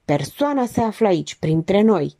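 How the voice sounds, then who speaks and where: A woman's voice: mid-range voice, very animated, mellow. A woman doing a curt, commanding man. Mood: tense. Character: tense, commanding man, bossy and brutal.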